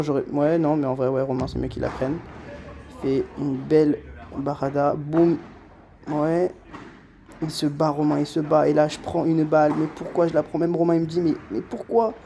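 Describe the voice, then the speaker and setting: A young man doing a voice-over commentary on his own padel match, self-mocking and excitable, swinging from muttering to shouting. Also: a little high, a little hiss or hum.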